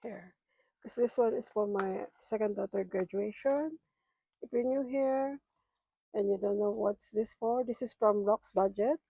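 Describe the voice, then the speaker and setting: A middle-aged woman who's sick and rough-voiced counts cash aloud in a casual budget vlog, murmuring mostly to herself. Her mid-range voice is unhurried, gravelly and dark with a breathy edge, captured in a dry, low-quality recording.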